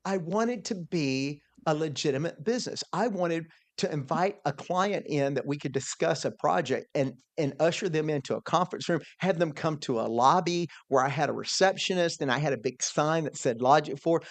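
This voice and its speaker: A man's voice: a little high, animated, moderate pace, no echo. Earnest middle-aged man telling a story. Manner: earnest, with frequent restarts and repeated words. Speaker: guest, small business owner. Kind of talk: conversational storytelling.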